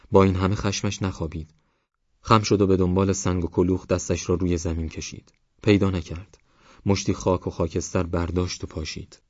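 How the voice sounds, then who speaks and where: A man with a very low, deep voice reads a novel aloud in calm, measured narration. The sound is dry and close, with a slightly dull, muffled top end. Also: no echo. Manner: calm, measured, even reading. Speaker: audiobook narrator. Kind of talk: scripted audiobook narration.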